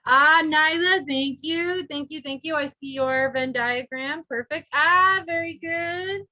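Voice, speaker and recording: Patiently modeling words at a slow pace, a teacher with a bright, high voice walks her adult English class through each idea and encourages them with frequent praise. The recording's high frequencies are cut off.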